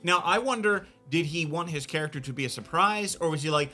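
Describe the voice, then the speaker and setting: A man co-hosting a casual movie chat, conversational and quick to interject. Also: fairly high pitch, pushed and bright, faint music behind. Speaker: discussion show co-host.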